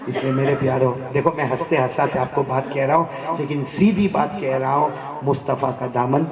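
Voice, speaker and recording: A man with a Gujarati accent preaching a humorous sermon, telling jokey stories and breaking into loud exhortation. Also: medium pitch, steady tone. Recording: echoey hall with crowd.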